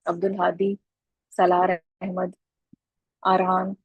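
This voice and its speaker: A woman's voice: on the low side, completely flat delivery, slow, breathy edge, no room sound, dull audio. A woman teaching an Arabic grammar lesson online over a video call, patiently calling on students by name.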